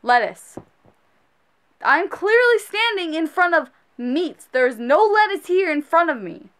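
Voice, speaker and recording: A woman's voice: very high-pitched, big pitch swings, a little slow, a bit bright. A woman on a casual rant as a sandwich shop worker, exasperated and scolding, speaking emphatically.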